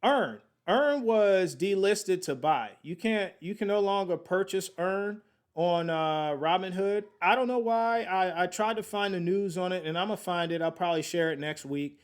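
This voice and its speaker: A man's voice: high voice, moderate pace, clean tone. A man in his late thirties hosting a casual podcast about investing, talking to his listeners in a chatty, slangy way and working out sums aloud as he goes. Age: late 30s. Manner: slangy, addresses listeners as y'all. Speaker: podcast host.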